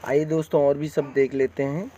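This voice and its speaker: A man teaching Hindi spelling, who says each word slowly and corrects the wrong form against the right one. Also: a little high, flat delivery, warm tone, a little hiss or hum. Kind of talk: spelling lesson.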